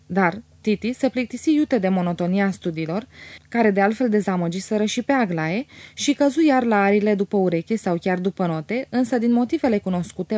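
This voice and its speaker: A woman narrating a literary audiobook in a measured, expressive way. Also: mid-range voice, no echo.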